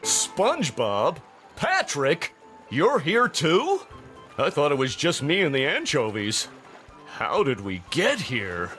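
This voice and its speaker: Game cutscene role: aggrieved muscleman lobster, unhurried, lively pitch, hearty, music behind. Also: full character voice. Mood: surprised. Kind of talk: animated game cutscene acting.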